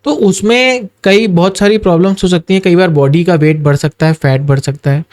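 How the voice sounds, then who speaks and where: Appearing as an interview guest, an orthopedic surgeon explains things in a measured, advising manner, slipping English phrases into his speech. His voice is a little high for a man and slightly mellow.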